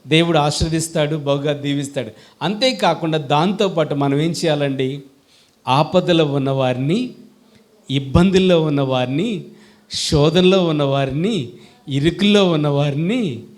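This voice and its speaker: A male preacher with a Telugu accent, delivering a sermon in a lively call-and-response way. His voice sits a little high for a man, and he keeps firing questions at the congregation, shifting between loud calls and quiet asides. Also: a little slow, long pauses. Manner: animated, swings between loud and soft.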